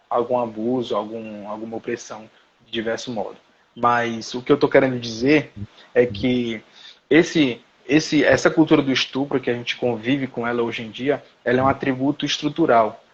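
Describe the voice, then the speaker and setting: A man's voice: medium pitch, slightly rough, dull audio. A man, lecturing as a professor in a live online class and searching for words aloud as he explains.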